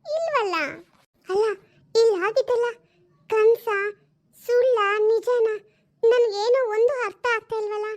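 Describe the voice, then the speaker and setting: A woman's voice: very high-pitched, measured pace, pauses often, a little mellow. A woman voicing a tearful, protective mother who pleads and sobs. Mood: shaken. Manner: pleading and tearful, often sobbing. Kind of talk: home-made family drama.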